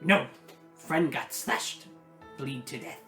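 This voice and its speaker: A man's voice: mid-range voice, slow pace, sharp tone, roomy sound, faint music behind. A man doing a groveling little space goblin. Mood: plaintive. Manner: broken grammar, eager and pleading.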